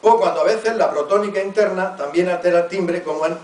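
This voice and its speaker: A man's voice: high-pitched, darkish tone, distant mic, a little hiss or hum. Man with a Murcian accent lecturing in an echoey hall. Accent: Murcian Spanish. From Murcia region, Spain. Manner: reads word lists aloud, pauses to enunciate examples. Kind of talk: academic conference talk.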